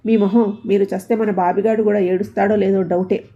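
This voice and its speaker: Touchy wife who writes stories, quick sharp retorts; a woman narrator reads her plainly. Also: mid-range voice, flat delivery, dull audio, lightly acted. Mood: eager. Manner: tearful then snappish retorts. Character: emotional young wife, aspiring writer, sharp-tongued.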